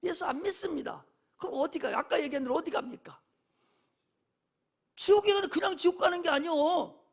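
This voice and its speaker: A male pastor delivers an impassioned sermon in a church. His voice is strikingly high for a man. He drives home his points by repeating them emphatically. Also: fairly quick, gravelly. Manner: impassioned, emphatic, repetitive preaching. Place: church sanctuary.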